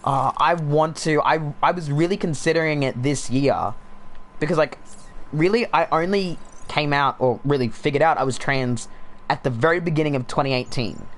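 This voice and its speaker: Pitched fairly high at a moderate pace, this young man streams a game and talks in a laid-back Australian accent. His chatter is rambling and sardonic, packed with fillers.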